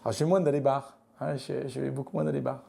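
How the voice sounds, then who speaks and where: Gravelly man with a southern French accent. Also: mid-range voice, flat delivery, fast, dark tone. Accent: southern French (Midi). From France, Lozère. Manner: frank, hesitant, many fillers and restarts. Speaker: guest, business leader. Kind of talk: casual interview talk.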